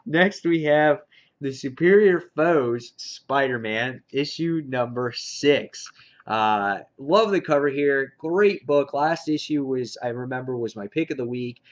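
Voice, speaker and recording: A comic book reviewer hosts his channel's casual, unscripted review vlog, speaking directly to viewers with a fan's enthusiasm. His medium-pitched voice moves a little slowly, and the home recording sounds dull and lo-fi.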